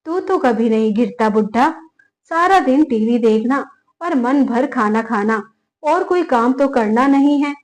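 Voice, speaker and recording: Woman narrator putting on a loud, scolding young daughter-in-law for a storybook, high and sharp-tongued. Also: lively intonation, unhurried. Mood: angry scolding. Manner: shouting, scolding, threatening.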